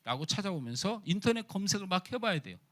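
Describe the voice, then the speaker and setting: Male pastor, sermon delivery, slightly high and very animated pitch, questions the congregation playfully. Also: fast talker. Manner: asks the congregation questions and teases them; lively, animated preaching. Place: church.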